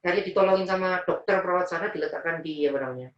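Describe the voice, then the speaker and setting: Fast-talking Javanese-accented male preacher, echoey room. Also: sits high, recorded from a distance, lo-fi sound. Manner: emotional, animated storytelling, mixing in Javanese words. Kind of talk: personal story in a religious talk.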